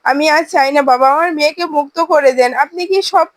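A woman's voice: sits high, fast, lightly acted. A woman voicing a desperate mother locked in a room, pleading and reproaching her captors.

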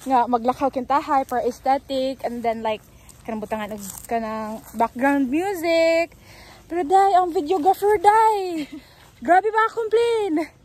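Chatting spontaneously on a rural farm, a young Filipino woman vlogs outdoors with her phone held at arm's length, moving between English and Filipino languages. Her voice is high, though with a darkish tone. She speaks a little slowly.

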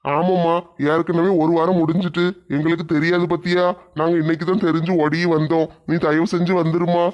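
A man's voice: fairly high pitch, level tone, fairly quick, darkish tone, muffled recording, natural voice. A man playing an earnest middle-aged father in a comedy skit, explaining plainly.

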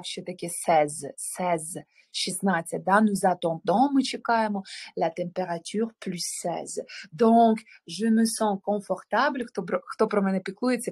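A woman's voice: mid-range voice, darkish tone, husky. A woman from Ukraine teaching French in a live online lesson, switching between French and Ukrainian and repeating each phrase, recorded outdoors on a terrace. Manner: drills sounds by repetition.

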